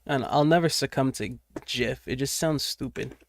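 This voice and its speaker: A young man chats casually on stream as he draws, rambling, swearing, and muttering to himself along the way. He speaks at a normal speed in a medium pitch, with slight background noise.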